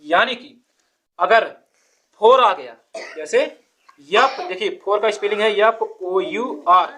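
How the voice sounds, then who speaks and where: A woman's voice: mid-range voice, slow pace, fairly bright tone. A woman teaching a child to count, patiently asking quiz questions and counting numbers aloud step by step.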